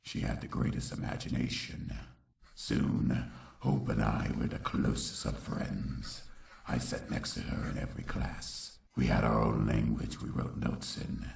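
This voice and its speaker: A man voicing a menacing pony king, telling his life story slowly in a very deep gravelly growl for a comic dub. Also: level tone, a little mellow, full character voice. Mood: reflective, grave. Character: menacing adult pony king narrating his own childhood. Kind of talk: scripted comic dub narration. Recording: echoey, distant-sounding voice track.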